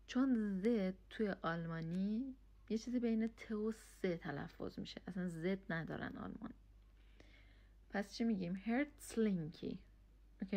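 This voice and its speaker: Here a woman whose native tongue is Persian explains German phrases piece by piece in an informal lesson, often asking "okay?" to check understanding. She speaks in a mid-range voice with a somewhat dark tone.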